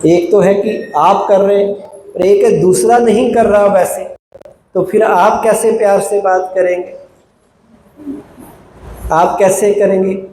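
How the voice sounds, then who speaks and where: Slow high-voiced man giving a sermon. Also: darkish tone. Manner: slow, with rhetorical questions to the audience. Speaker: spiritual teacher. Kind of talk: spiritual sermon. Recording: roomy hall echo, faint background noise.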